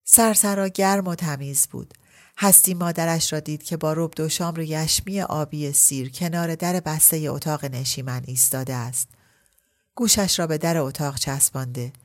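A woman narrating a literary story as an audiobook, reading at a measured pace. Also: sits low.

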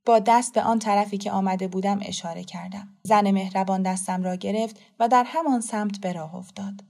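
A woman reads a story aloud in a calm, measured, soft voice. Her narration is steady and unhurried, in a middle pitch. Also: vocal fry. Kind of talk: scripted audiobook narration.

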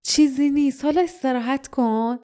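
A woman voicing a young woman who speaks softly and soothingly in an audiobook. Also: high-pitched, fairly even intonation, pitched above the performer's own voice, natural voice. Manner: soothing, soft. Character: young woman, tough but caring. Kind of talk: audiobook character voice.

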